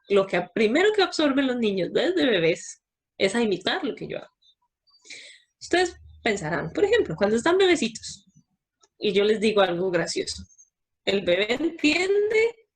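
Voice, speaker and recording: A woman's voice: a little high, very animated, normal speed, husky. A woman giving a talk to parents, explaining step by step and answering her own questions.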